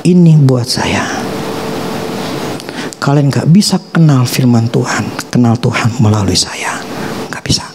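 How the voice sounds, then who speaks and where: Animated pastor preaching casually. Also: male voice, medium pitch, noisy background. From Indonesia. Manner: animated, preaching in casual slang with acted quotes. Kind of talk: sermon.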